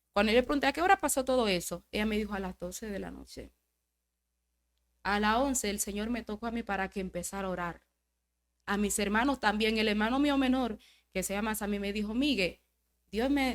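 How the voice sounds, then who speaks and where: A woman's voice: mid-range voice, fairly bright tone. Woman guest sharing a heartfelt faith testimony; storyteller who voices the quoted lines and repeats for weight. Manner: storytelling, acts out quoted dialogue; repeats phrases for emphasis. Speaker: podcast guest giving testimony. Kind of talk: emotional religious testimony.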